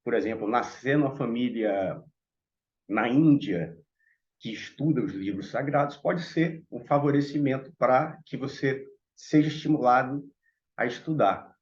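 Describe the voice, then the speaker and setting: A man with a Bahian Brazilian accent gives a reflective talk at a spiritual meeting, turning often to his listeners with asides. His voice sits at a middle pitch. The recording is dull and lo-fi. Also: measured pace. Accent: Bahian Brazilian Portuguese. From Salvador, Bahia, Brazil. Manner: conversational, addresses the audience directly with many asides. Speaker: panel speaker at a Theosophical meeting.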